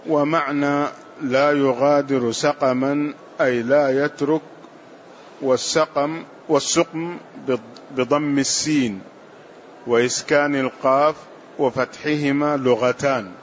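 A man reading classical religious texts aloud in a lesson, in a measured, formal way. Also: mid-range voice, steady tone, lo-fi sound, a little hiss or hum. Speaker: student reading hadith text aloud. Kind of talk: recitation of classical hadith text.

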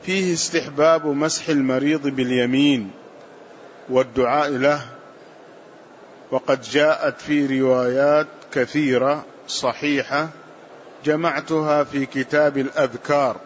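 A man reading classical religious texts aloud in a lesson, in a measured, formal way. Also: mid-range voice, steady tone, highs cut off, slight background noise. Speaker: student reading hadith text aloud. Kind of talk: recitation of classical hadith text.

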